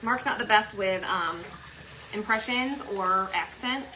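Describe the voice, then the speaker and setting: In her home workroom, a woman hosts a casual craft livestream, chatting while she works, teasing her husband and laughing along. Her voice is medium-pitched and unhurried, set against a noisy background.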